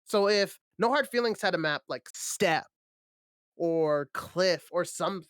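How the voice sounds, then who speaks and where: Male esports co-caster on a remote call; higher voice, dry sound, loose and chatty analysis. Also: animated, measured pace, a bit bright, clean tone, dry recording. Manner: rambling, filler-heavy, keeps asking "right?". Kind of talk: live esports commentary. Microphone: remote call over the internet.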